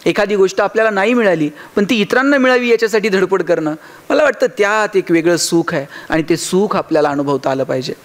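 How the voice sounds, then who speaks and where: This motivational speaker is a man whose voice sits high and who talks fast. He weaves in stories, performs dialogue, and poses rhetorical questions to the crowd.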